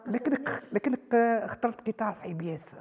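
A woman interviewing a guest on TV, asking short, quiet questions. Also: fairly high pitch, brisk, husky.

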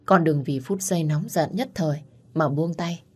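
A woman voicing a spiteful, scheming middle-aged mother-in-law who shouts insults. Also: low voice, normal speed, breathy edge. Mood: coaxing.

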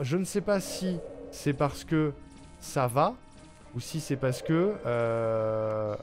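A man's voice: mid-range voice, darkish tone. A man from France chatting casually with viewers on a live stream, talking in a loose, hesitant way with lots of fillers and restarts. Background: background music.

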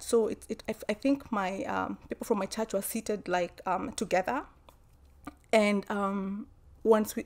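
Halting woman telling a personal story. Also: medium pitch, darkish tone. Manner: halting, with many restarts and fillers. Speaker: vlogger.

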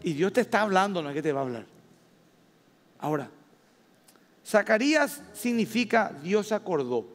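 High-voiced Paraguayan pastor preaching in a hall. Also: male voice, sing-song. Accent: Paraguayan Spanish. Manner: emphatic preaching with slow drawn-out stresses and sudden loud rises. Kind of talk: sermon. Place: church hall. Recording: long reverb of a church hall.

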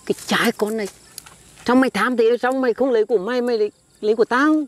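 A woman playing a stubborn, grumpy old village man in a comedy sketch, with a gruff, sheepish way of grumbling. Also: a little high, fairly even intonation, racing, close to an everyday voice. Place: outdoors in a field.

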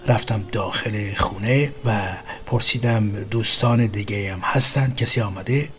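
A man calmly narrating a first-person story in a measured, even reading. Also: lowish voice. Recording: faint music underneath.

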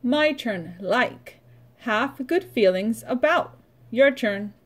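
A female preschool teacher reads aloud and drills young children on vocabulary, using brief, simple instructions broken up by pauses. Her voice is fairly high and expressive.

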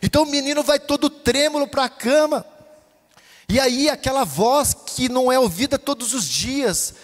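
Male preacher, Brazilian Portuguese accent, high-pitched, fervent chanting delivery, long church reverb. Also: normal speed. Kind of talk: pentecostal sermon. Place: church hall.

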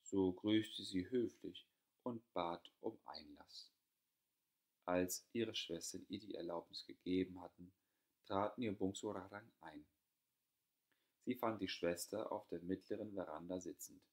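A man reading a fairy tale aloud as an audiobook, telling it in a calm, even way. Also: low voice, measured pace. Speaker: audiobook reader.

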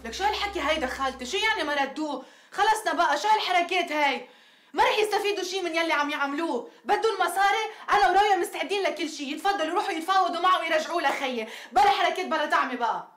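A woman's voice: medium pitch, rapid-fire, natural voice. An actress playing a defiant young woman who has just married, speaking. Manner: defiant, then soft and whispery on the phone. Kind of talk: TV drama acting.

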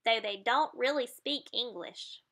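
A woman voicing an unimpressed seabird from a picture book with slow, dry remarks. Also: a little high, sharp tone. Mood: deadpan.

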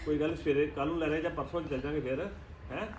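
A man's voice: fairly high pitch, steady tone, rapid-fire, darkish tone, slight background noise, natural voice. A man playing a grown son in a family drama, coaxing and placating his upset mother. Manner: coaxing, placating, repeats "hain?". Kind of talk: scripted village family drama.

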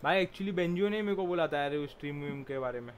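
A man's voice: a little high, expressive, fast. Joking young man streaming games, crowd noise behind. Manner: joking, teasing banter. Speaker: streamer playing with friends. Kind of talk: casual gaming chat.

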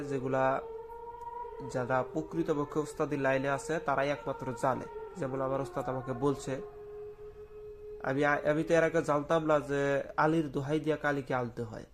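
A man, a folk healer with a cold, explaining rules and then slowly chanting mantra verses. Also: mid-range voice, background noise. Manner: slow deliberate chanting of verses. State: feverish with a head cold. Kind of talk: spoken instruction with chanted recitation.

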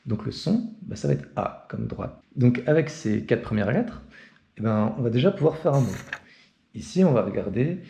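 Gravelly, relaxed man explaining. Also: medium pitch. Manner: relaxed, chatty, checks in with "ok?". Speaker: language teacher. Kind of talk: casual tutorial explanation.

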